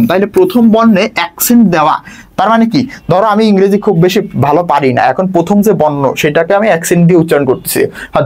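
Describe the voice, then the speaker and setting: A young man teaching a literature class, explaining a text line by line and restating each point for his students. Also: sits high. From Bangladesh. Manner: lively, quick, repeats and rephrases for students.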